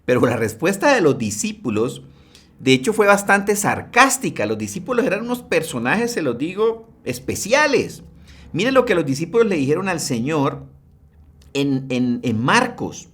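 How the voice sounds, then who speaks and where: A man's voice: on the high side, sing-song, moderate pace, fairly bright tone, slightly rough. A male preacher delivering a sermon, emphatic, full of rhetorical questions and frequent checks with the listeners.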